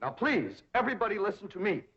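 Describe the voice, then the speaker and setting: A man's voice: high voice, very animated, fast, heavy background noise. An actor playing a pompous young man who fancies himself a cultured drama teacher, speaking in grand, theatrical tones. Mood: grandiose. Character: pompous young man tutoring a country girl. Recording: dull 1960s TV soundtrack.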